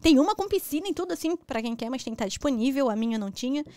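A young Brazilian woman with a Brazilian Portuguese accent, a talk show guest telling her story in animated, casual conversation with frequent restarts. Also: high-pitched, racing, dry recording.

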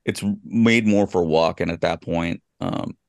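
A man with a very low, gravelly voice, chatting casually on a podcast. His talk rambles and restarts often, full of fillers. The sound is dry and close. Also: a little slow, dry recording. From California. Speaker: podcast co-host. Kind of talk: casual chat.

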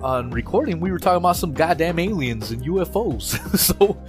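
A man's voice: fairly high pitch, expressive, normal speed. A man co-hosting a podcast, chatting casually in loose, profane, laughing banter. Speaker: podcast co-host. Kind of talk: casual chat. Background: guitar music.

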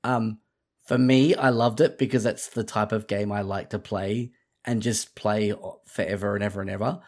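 A man's voice: fairly low pitch, fairly even intonation, normal speed, darkish tone. A man co-hosting a casual video game podcast, talking in a loose, rambling way with many restarts. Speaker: podcast co-host. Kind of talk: casual chat.

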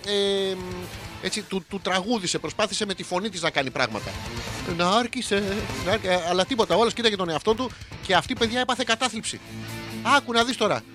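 Male radio host with a high voice, rambling and vulgar, with guitar music clearly audible behind him. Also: animated. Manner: rambling, vulgar, mock-storytelling with sudden voice jumps. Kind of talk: crude comic monologue, reading listener comments.

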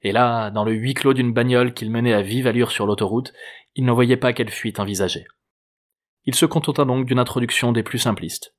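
A man reads a novel aloud in measured, even narration. His voice sits at a middle pitch. The delivery is steady and unhurried. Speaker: audiobook narrator. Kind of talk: scripted narration.

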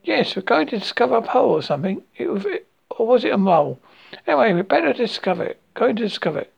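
A storybook reader voicing Winnie the Pooh, an eager, simple honey-loving bear, in a high sing-song way. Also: very animated, quick pace, gravelly, husky, lo-fi sound, exaggerated voice. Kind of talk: storybook reading.

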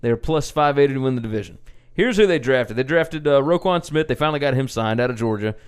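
A man's voice: mid-range voice, lively intonation, quick pace, smooth. A man co-hosting a podcast in casual sports chat, running through records, odds and team notes. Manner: runs through stats and team notes, lots of "uh" fillers. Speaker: podcast co-host.

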